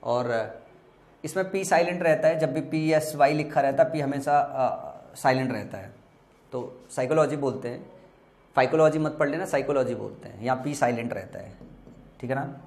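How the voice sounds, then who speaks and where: This exam vocabulary lesson comes from a man whose first language is Hindi, his medium-pitched voice gravelly and darkish in tone. In an echoey room, he explains slowly, repeating words and spelling them letter by letter.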